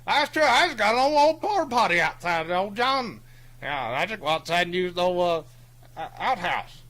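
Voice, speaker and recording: Hosting a comic bit on a live stream, a man plays a boastful, rambling hillbilly running a sports call-in show, with a folksy drawl. His voice is high, bright and forceful, sing-song and a little fast, and the delivery is heavily acted.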